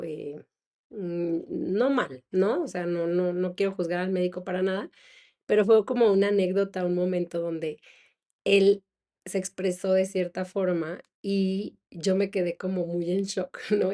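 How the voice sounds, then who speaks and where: A woman's voice: on the low side, mellow. A woman, a psychologist hosting a podcast, talking conversationally and reflectively with small laughs and fillers. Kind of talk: casual monologue on parenting.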